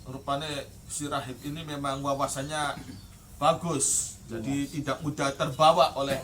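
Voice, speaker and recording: A man's voice: mid-range voice, little pitch movement, a little slow, fairly bright tone, recorded from a distance, a little hiss or hum. A man with a Javanese accent teaching from a classical Islamic text, reading the Arabic, glossing it word by word in Javanese and then explaining it in Indonesian. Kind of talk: traditional pesantren kitab recitation and explanation.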